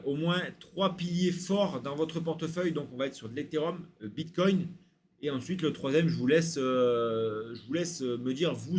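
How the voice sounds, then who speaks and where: A man talking casually to his viewers with lots of hesitant fillers, rattling off long lists in a relaxed way. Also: on the high side. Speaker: crypto YouTuber. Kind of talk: casual to-camera talk.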